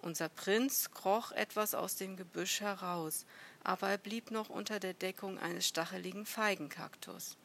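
A woman reading a children's story aloud in a measured, gentle storytelling manner. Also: medium pitch, gravelly, slight background noise.

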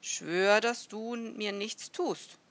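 A woman's voice: mid-range voice, extremely slow, voice pushed up, full character voice. A woman voicing a young boy prince who calls out boldly but warily in a storybook reading. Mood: calling, wary. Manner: calls out loudly, challenging.

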